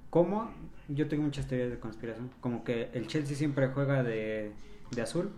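Man, podcast co-host, deadpan joker, mid pitch. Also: moderate pace, a little hiss or hum. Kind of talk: casual chat.

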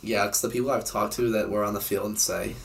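A man's voice: on the low side, level tone, fairly quick, slight background noise. A young man co-hosting a podcast in casual chat, upbeat and playfully mocking. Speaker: podcast co-host.

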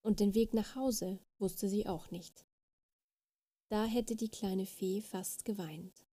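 A woman reading a children's fairy tale aloud with lively, expressive narration. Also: mid-range voice, takes it slowly, dry recording. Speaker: storyteller.

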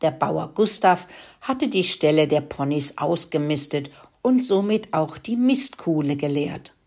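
A woman reading a children's farm-animal story aloud in a slow, lively storybook manner. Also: low-pitched.

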